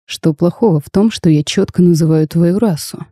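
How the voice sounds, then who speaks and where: This is a woman's reading of a cursed dragon duke from a storybook: even-voiced, cold and curt, with a flat, terse, reserved manner and light acting. The dark, mellow, fairly low tone comes at normal speed in a close, dry recording.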